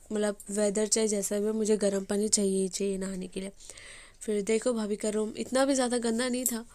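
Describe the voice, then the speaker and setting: Hoarse young woman, flat mellow voice, rambling chatty narration, family vlog. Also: mid-range voice. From Bengali family. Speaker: vlogger.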